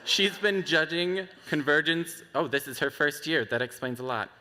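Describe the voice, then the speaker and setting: A man's voice: fairly high pitch, lively intonation, normal speed, sharp tone, a little hiss or hum. Playful laughing man emceeing a masquerade. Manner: playful, laughing, stumbling over names. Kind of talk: live stage hosting, reading bios. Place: convention hall stage. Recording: echoey convention hall.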